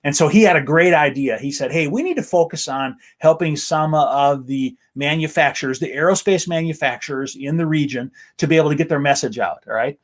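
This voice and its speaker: A man's voice: a little high, brisk, few pauses. An American man hosting a casual, enthusiastic live-stream chat outdoors in a backyard. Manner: upbeat, enthusiastic. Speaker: host.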